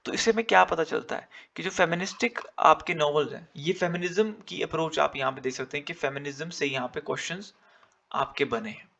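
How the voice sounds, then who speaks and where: Indian english guy teaching exam prep, gravelly voice, keeps asking and answering his own questions. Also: fairly high pitch, a little fast, bright, forceful tone. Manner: switches between Hindi and English mid-sentence.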